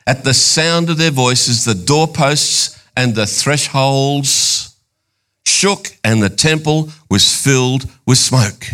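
Excitable preacher, bright voice. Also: male voice, slow. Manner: excitable, rising to high emphatic bursts then dropping quiet and intimate. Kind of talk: sermon.

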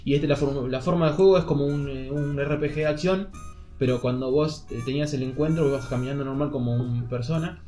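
A man's voice: mid-range voice, fast, dark tone, soft background music. A man with an Argentine accent, a podcast co-host, chatting casually and explaining a video game while hunting for words with lots of fillers. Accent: Argentine Spanish. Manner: rambling, searching for words with many fillers. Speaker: podcast co-host recommending games. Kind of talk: casual chat.

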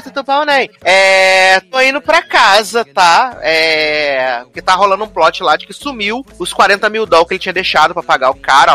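Brazilian male podcast host, high bright voice, chatty and animated storyteller. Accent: Brazilian Portuguese. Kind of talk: casual chat reviewing a TV series.

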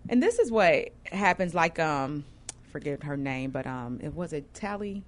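A woman radio host with a fairly low voice and a Chicago accent. She talks casually and colloquially, in the familiar style of a call-in interview show. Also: sing-song, normal speed. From Chicago, United States.

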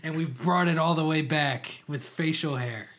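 A man's voice: on the high side, normal speed, fairly bright tone. Laid-back young man co-hosting a podcast. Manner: laid-back, playful, laughs along. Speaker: podcast co-host. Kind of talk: casual comedic banter.

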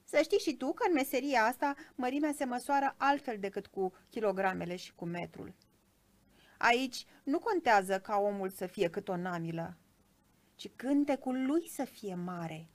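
A proud little cricket fiddler, put on by a woman reading a storybook, speaks in a high, squeaky, slightly hoarse voice. He declaims loudly and takes offense easily, his pitch leaping around with lively swings. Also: lightly acted. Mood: lecturing. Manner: indignant, declaiming. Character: tiny male cricket fiddler, proud and touchy.

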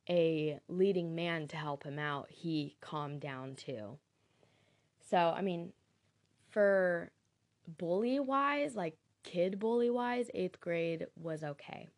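A young woman tells a candid, casual story in a deep, low voice. She talks slowly and unhurriedly, swearing now and then and laughing at herself.

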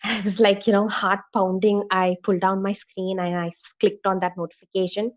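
A woman co-hosting a casual podcast who tells her stories with lively energy and acts out the voices of the people she quotes. Her voice sits at a middle pitch for a woman. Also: a little fast. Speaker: podcast co-host.

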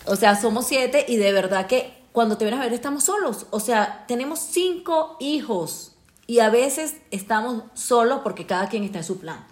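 A woman in her forties with a Mexican accent, a mother co-hosting a casual family podcast, talking in an animated, expressive way. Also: a little high, normal speed. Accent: Mexican Spanish.

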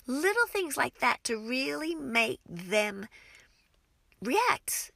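A woman French teacher gives casual advice to fellow teachers, her high, bright voice full of energy. She often stops and restarts her sentences. There is a gravelly edge to her voice, and the sound is dry and close. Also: takes it slowly, no room sound. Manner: expressive and energetic, with frequent restarts. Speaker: French teacher for young children.

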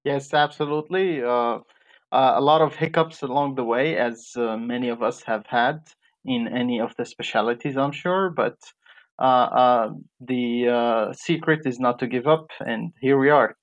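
Young man, interview guest, hesitant and filler-heavy, muffled lo-fi audio. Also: mid-range voice. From Iraq, raised in Jordan. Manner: halting, many fillers and restarts. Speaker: guest, medical graduate. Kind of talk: interview answers. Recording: dull lo-fi sound.

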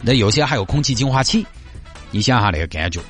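A man's voice: mid-range voice, expressive, fast, a bit bright, soft background music. A man with a Sichuan accent hosts a radio show, giving casual, colloquial commentary on the news and chatting directly to listeners. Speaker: radio host.

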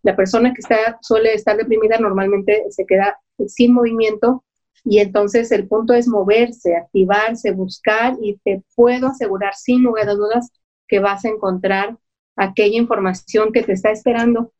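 A woman's voice: medium pitch, steady tone, moderate pace, a little mellow. A woman coach giving an earnest, encouraging talk that speaks straight to the listener. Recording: dull lo-fi audio.

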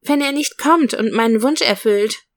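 A woman voicing an excited young child in a read-aloud storybook, eager and hopeful. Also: fairly high pitch, normal speed, lightly acted.

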